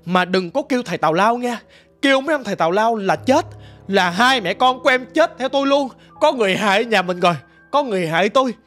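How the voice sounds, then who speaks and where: A man voicing the ghost of a chained dead husband, speaking in a hushed, urgent way. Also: sits high, expressive, fast talker, soft background music.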